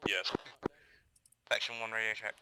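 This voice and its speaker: A man doing a terse radio check over an in-game helmet radio, speaking in flat military procedure. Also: on the low side, moderate pace, heavy background noise. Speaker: squad member.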